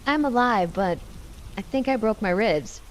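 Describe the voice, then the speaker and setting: A woman's voice: mid-range voice, expressive, unhurried, a little hiss or hum, natural voice, rough recording. A woman narrator voicing a terrified young woman fleeing through the woods, breathless and pleading. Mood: hurt whisper.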